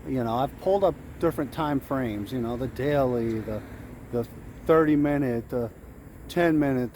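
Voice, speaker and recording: Out in the heat, a day trader gives an off-the-cuff motivational talk as a trading coach, his voice a little high over some background noise. He acts out what traders are thinking and keeps repeating phrases to drive points home.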